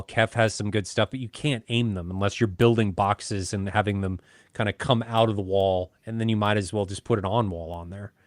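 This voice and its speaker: Lowish guy chatting on a podcast, jokey and loose, dry close sound. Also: dry recording. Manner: chatty, joking, self-deprecating. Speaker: podcast co-host. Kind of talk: casual chat.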